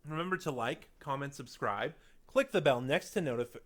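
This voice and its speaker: The speaker is a man giving an unscripted, casual review of audio dramas at a medium, animated pitch. His delivery stops and starts, with emphatic points broken up by softer asides that fade out.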